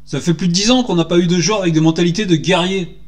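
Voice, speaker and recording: A man in his forties giving an indignant, animated solo opinion talk, firing rhetorical questions, recorded on a desk microphone in a small room. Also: high-pitched, quick pace. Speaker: football commentator vlogger. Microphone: desk microphone on stand.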